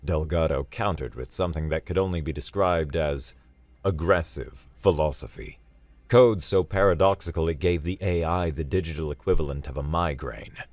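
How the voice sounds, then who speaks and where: A man's voice: extremely low pitch, normal speed, no room sound. A man narrating a sci-fi audiobook story in a dry, wry storytelling manner.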